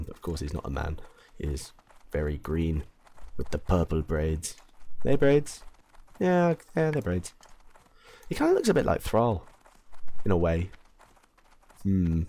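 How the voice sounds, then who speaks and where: This is a let's play commentator, a man with an English accent and a deep, slightly mellow voice, with a bit of background noise. He chats casually while gaming, rambling along and often correcting himself.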